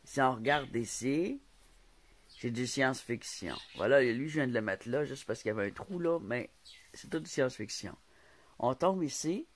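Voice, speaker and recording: A man's voice: mid-range voice, expressive, moderate pace. A man with a Québécois French accent, telling rambling stories in a casual vlog, laughing often and stumbling on some words. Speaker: vlogger.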